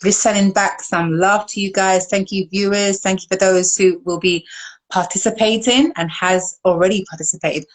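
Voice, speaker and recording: British woman, live-stream host, chatty, mid-pitched, on a video call. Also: fairly even intonation, normal speed, rough recording. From United Kingdom. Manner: chatty, laughs often, thinks aloud while reading comments. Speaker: host of a live online show. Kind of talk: casual live-stream chat.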